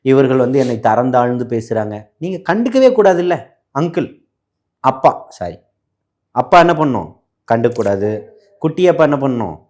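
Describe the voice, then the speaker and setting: A man's voice: medium pitch, sing-song, a little mellow. A man arguing in a heated political debate, mocking and talking over his opponent. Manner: mocking, rapid-fire, interrupting.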